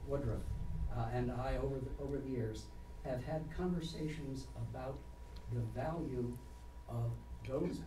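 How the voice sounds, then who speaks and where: A soft-spoken man on a zoning board, speaking haltingly with many fillers at a public meeting. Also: medium pitch. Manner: halting, deliberate, heavy with fillers. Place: town meeting room. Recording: echoey room, distant mic, noisy.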